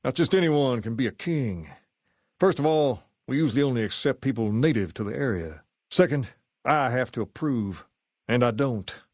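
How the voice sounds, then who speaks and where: A man playing a self-assured, folksy gang boss in a video game, with a Southern US accent and a measured way of talking. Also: mid-range voice, animated, a little mellow, dry recording, studio quality, close to an everyday voice. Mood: relaxed, folksy. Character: charismatic, folksy male gang boss styled on a rock-and-roll idol. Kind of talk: video game character dialogue.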